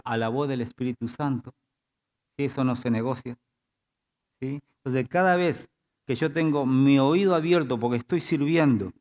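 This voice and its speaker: Male pastor, mid-pitched voice, interactive church sermon style with frequent call-outs to the congregation. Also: a little mellow. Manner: repeats "diga" and "¿sí?" to engage the congregation.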